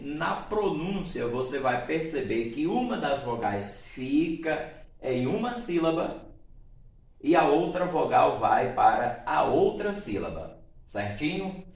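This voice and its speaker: A male teacher from Brazil, explaining a grammar lesson and often checking in with his students. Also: medium pitch. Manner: explains slowly, checks in with "certo?" and "tá bom?". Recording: echoey room, voice from a distance.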